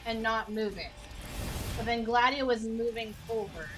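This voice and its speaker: A woman's voice: a little high, normal speed. A woman playing a video game on stream, talking through her moves with mild frustration. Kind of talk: casual chat narrating gameplay. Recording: game music playing behind.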